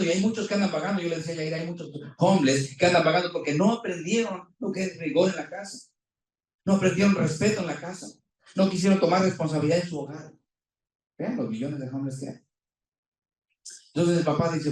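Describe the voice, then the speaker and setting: A man's voice: fairly high pitch, darkish tone. Male pastor preaching, impassioned and full of questions, heard from a distance in a very echoey room. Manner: impassioned, rising and falling, rhetorical questions. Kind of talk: sermon.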